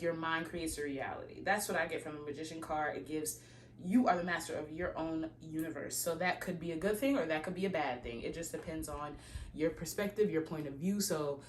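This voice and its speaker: Low-voiced woman giving a preachy tarot pep talk. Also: a little hiss or hum. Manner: preachy, animated, encouraging. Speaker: tarot reader. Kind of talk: casual spiritual pep talk.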